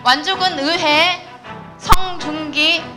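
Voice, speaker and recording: A woman's voice: very high voice, steady tone, takes it slowly, music in the background. A woman emceeing a ceremony, politely introducing guests one by one in a formal announcing style. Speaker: event emcee.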